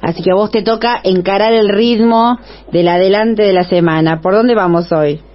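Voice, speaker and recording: A woman hosting a live radio program, brisk and upbeat. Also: medium pitch. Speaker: radio host. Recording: dull radio sound with faint music.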